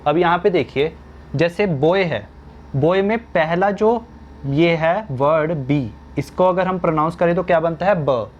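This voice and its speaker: Slow-talking man teaching a grammar lesson. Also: fairly high pitch, dull audio. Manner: asks questions and answers them himself. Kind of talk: slow classroom-style lesson.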